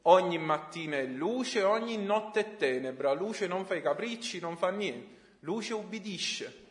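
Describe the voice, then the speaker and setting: A male teacher giving a classroom lecture, his fairly high voice rising and falling as he puts questions to his students. The room is echoey, with a long reverb trailing behind each phrase. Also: a bit bright. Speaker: religion teacher.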